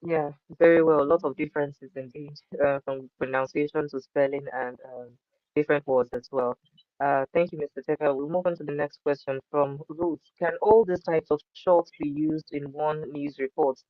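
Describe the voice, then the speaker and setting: A man's voice: on the high side, fairly even intonation, normal speed, no room sound, lo-fi sound. A man moderating an online session, reading out trainees' questions politely.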